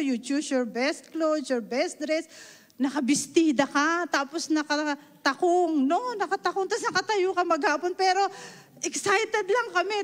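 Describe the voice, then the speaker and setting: A middle-aged woman from the Philippines delivers a sermon in an earnest, emotional way, switching between Tagalog and English and checking in with her listeners. Her voice sits a little high. The sound rings with the long reverb of a hall. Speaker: preacher. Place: church hall.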